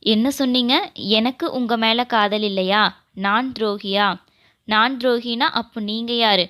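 A woman's voice: fairly high pitch, steady tone, measured pace, a bit bright. A woman voicing a hurt, defiant young bride. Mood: indignant. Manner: indignant, reproachful.

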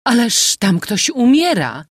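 A man's voice: a little high, expressive, normal speed, dry recording, clean studio sound, natural voice. A man voicing an anxious aristocratic mother with an earnest, urgent way of speaking.

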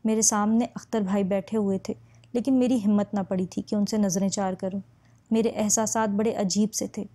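Mellow woman narrating a novel. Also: mid-range voice. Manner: steady, measured reading. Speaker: audiobook narrator. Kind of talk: first-person novel narration.

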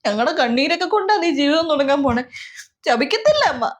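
A woman's voice: high voice, very animated, fast. A woman playing a melodramatic middle-aged mother in a comedy sketch, scolding and lamenting over and over. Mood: lecturing. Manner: scolding, wailing, repeats herself. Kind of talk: comedy sketch role-play.

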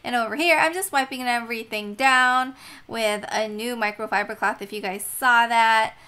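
A woman's voice: a little high, fairly even intonation, normal speed, sharp tone, smooth. A young woman vlogger chatting upbeat in a casual voice-over, often laughing as she talks.

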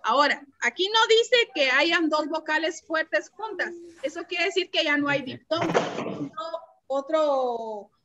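A woman's voice: high-pitched, lively intonation, a little slow, pushed and bright, dull audio, a little hiss or hum. A woman teacher giving an online lesson to a class, patiently explaining and asking the students questions. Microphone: computer mic on a video call.

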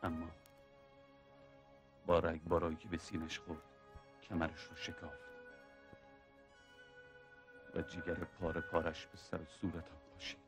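A seasoned soldier speaks in a very low, steady voice, as an actor plays him. He tells his stories in a calm, measured way. Faint film music plays underneath. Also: natural voice. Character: seasoned male war veteran, steady mentor. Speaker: older soldier in war film.

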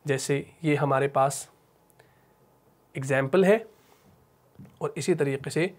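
A man with a Pakistani Urdu accent teaching a tajweed lesson, patiently explaining and asking and answering his own questions, with slow chanted recitation of verses. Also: mid-range voice.

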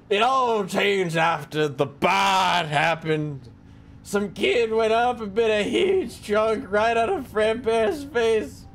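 A man's voice: high-pitched, slight background noise, voice pushed up. A man voicing a folksy cowboy restaurant manager with an exaggerated drawl, reading game dialogue aloud. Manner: chatty, rambling storyteller.

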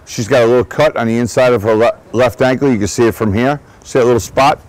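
A man's voice: medium pitch, fast talker, a little mellow, low-quality recording. A man, a racehorse trainer giving a guided barn tour outdoors, chatty and digressive, often restarting his sentences. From Long Island, New York. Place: outdoor horse barn shed row.

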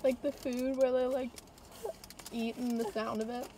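A woman's voice: on the high side, flat delivery, moderate pace, noisy background. A young woman joking and teasing her friend in casual chat. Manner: teasing, laid-back. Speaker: friend of host. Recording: music playing loudly behind.

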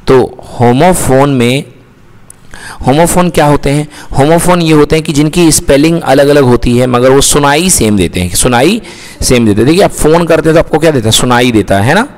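A man's voice: fairly high pitch, animated, a little fast. A man teaching an English lesson in Hindi mixed with English, who keeps asking questions and answering them himself. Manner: asks questions and answers them himself, calls listeners beta. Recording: long reverb.

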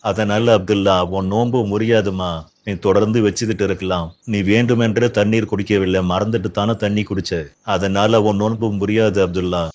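A man playing a gentle, patient father who calmly explains a religious rule to his children. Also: fairly low pitch, brisk, dry recording, lightly acted.

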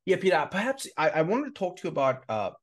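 A man's voice: sits high, big pitch swings, fast. Podcast host guy, kinda hesitant, lots of uh's while he asks. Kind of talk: podcast interview.

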